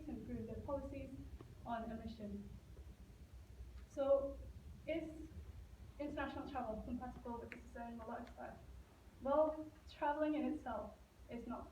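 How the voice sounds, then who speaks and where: A young Norwegian woman gives an earnest student competition presentation to a live audience, with some restarts and occasional pauses to ask the audience questions. Her voice is a little high with a dark tone. The recording sounds distant and echoey, with a dull lo-fi quality and faint hiss.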